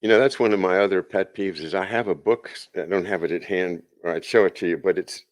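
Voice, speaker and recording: Deep-voiced male host, loose rambling monologue, lots of restarts. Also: quick pace. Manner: rambling, with many restarts and asides. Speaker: podcast host. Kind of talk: casual monologue.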